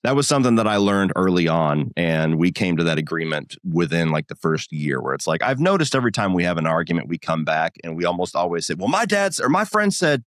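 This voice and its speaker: Deep-voiced blunt man chatting on a podcast. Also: expressive, fast talker, hardly any pauses, no room sound, clean studio sound. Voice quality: blunt, profane, frequent restarts. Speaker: podcast co-host. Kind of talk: casual chat.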